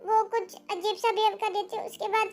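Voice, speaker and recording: A woman's voice: very high voice, little pitch movement, fairly quick. A woman reading as a stammering young maid. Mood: frightened. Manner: hesitant, stammering. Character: nervous young maid, flustered. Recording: faint background music.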